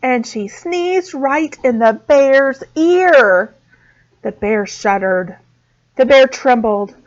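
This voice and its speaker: A woman teacher reading a storybook aloud to small children, expressive and slow. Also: sits high. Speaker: preschool teacher. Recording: dull lo-fi sound.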